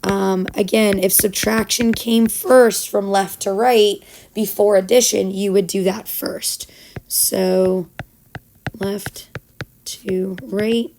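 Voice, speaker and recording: Hoarse, froggy-voiced woman teacher with creaky fry. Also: medium pitch, fairly even intonation, slow, darkish tone, a little hiss or hum, low-quality recording. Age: middle-aged. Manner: instructive, step-by-step. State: hoarse, losing voice, froggy swallowed sound. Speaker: school math teacher. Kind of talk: recorded lesson, informal explaining.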